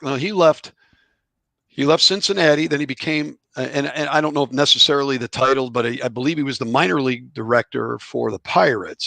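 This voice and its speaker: Middle-aged guy, gravelly voice, rambling ballpark stories, dry close sound. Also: mid-range voice, a bit bright, dry recording. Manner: chatty, rambling anecdotes with chuckles. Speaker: guest, author and former college outfielder. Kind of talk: relaxed storytelling in a podcast interview.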